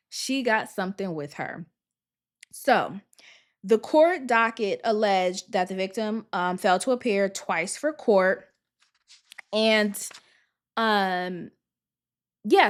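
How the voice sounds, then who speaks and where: Sassy woman podcaster riffing on news. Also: on the high side. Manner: animated, sassy, talks back to the story. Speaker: podcast host. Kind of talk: casual news commentary.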